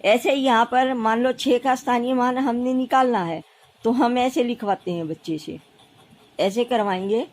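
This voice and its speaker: A woman's voice: a little high, moderate pace, a little mellow. A woman primary school teacher explaining place value, patiently counting aloud and repeating steps for children. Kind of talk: classroom math lesson.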